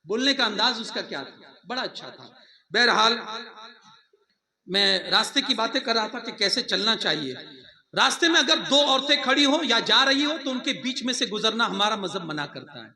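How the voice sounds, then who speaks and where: A man from India giving a lively sermon to students, mixing laughing asides with raised, emphatic lines. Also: high-pitched. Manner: animated preaching with laughing asides, raising his voice for emphasis. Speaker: religious teacher.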